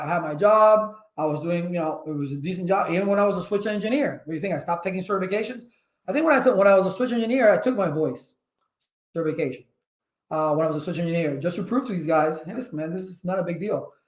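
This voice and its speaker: A man hosting a casual livestream talk, energetic and rambling, with many fillers and restarts. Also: high voice, echoey room. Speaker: channel host.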